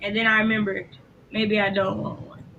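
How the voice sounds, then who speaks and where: A woman hosting a relaxed crochet livestream, upbeat and chatty as she reads out viewer comments. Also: medium pitch, brisk, dull audio, noisy background. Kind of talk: casual chat.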